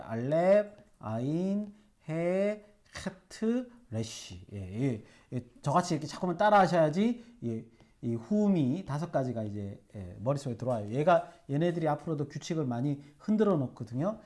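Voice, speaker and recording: A man teaching Hebrew grammar at a whiteboard. He sounds out syllables slowly, keeps checking in with his students with quick rhetorical questions, and fills pauses with "예" and "어". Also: a little high, darkish tone. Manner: frequent "예" and "어" fillers. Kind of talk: whiteboard lecture. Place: classroom at a whiteboard.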